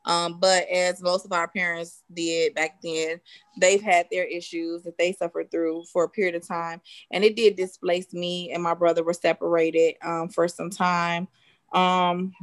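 Woman, low, matter-of-fact. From South Side of Chicago. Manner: steady, matter-of-fact, many "um"s. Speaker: real estate consultant. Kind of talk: casual interview guest.

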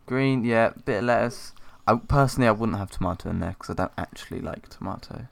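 Male podcast co-host, low gravelly voice, rambling and crude. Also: fast. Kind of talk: casual chat.

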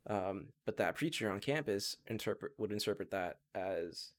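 A man's voice: on the low side, expressive, normal speed. A young man in a casual chat, talking loosely and searching for words with lots of fillers.

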